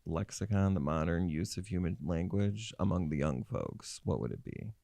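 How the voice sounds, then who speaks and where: A man co-hosts a podcast in a chatty, animated way. His fairly low voice has a gravelly edge and swings widely in pitch. The sound is dry and close to the mic. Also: normal speed, no room sound. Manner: animated, chatty, laughs easily. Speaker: podcast co-host, psychiatric nurse practitioner. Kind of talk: casual podcast chat.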